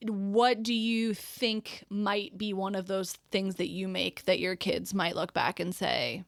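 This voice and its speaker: A woman hosting a podcast interview, chatting casually and encouraging her guest with quick interjections. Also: medium pitch, gravelly, no echo, clean studio sound. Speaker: podcast host.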